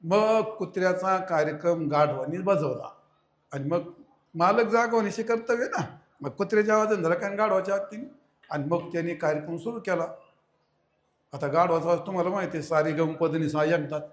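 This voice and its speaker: A man preaching a devotional sermon, telling a folk fable with humor and lively storytelling. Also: high voice, brisk. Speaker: kirtan preacher. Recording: echoey hall.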